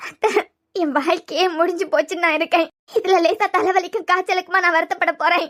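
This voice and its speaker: A woman's voice: very high-pitched, steady tone, fast talker, fairly bright tone. A woman with a Kanyakumari Tamil accent voicing a tearful, despairing young woman in a cartoon serial. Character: distraught young woman, newly engaged.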